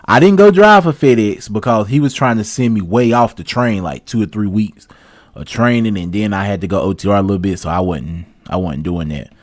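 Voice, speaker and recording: A young man, a truck driver giving relaxed, chatty career advice to viewers. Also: fairly low pitch, fairly quick, no echo, studio quality. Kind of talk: casual advice vlog with read-out tips.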